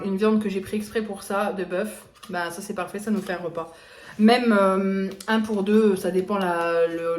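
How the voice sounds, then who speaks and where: A young woman chatting casually through a grocery haul vlog, rambling with lots of fillers and restarts. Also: mid-range voice. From eastern France. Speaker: vlogger. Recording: echoey room.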